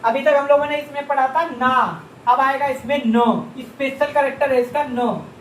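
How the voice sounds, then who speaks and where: A man's voice: very high voice, slight background noise. A man teaching a beginners' Japanese script lesson, asking a question and answering it himself, repeating each sound patiently. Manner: slow, patient explaining. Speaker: language teacher. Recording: echoey room, distant mic, faint ambience.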